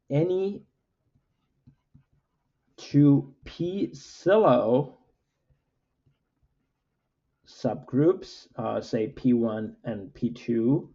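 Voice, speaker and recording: A male professor works through a lecture at an unhurried pace, pausing often on "uh". His voice is mellow and relaxed, in a dull, lo-fi recording. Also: mid-range voice. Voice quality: frequent "uh" fillers, measured and explanatory. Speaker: mathematics professor.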